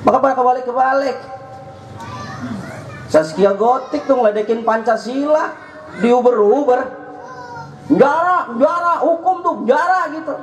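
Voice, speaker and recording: High-voiced Betawi preacher in an echoey hall. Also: male voice, normal speed, long pauses. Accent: Jakarta Betawi. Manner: joking, rising to shouts at points. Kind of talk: sermon. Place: mosque or prayer hall. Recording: echoey hall with faint hum.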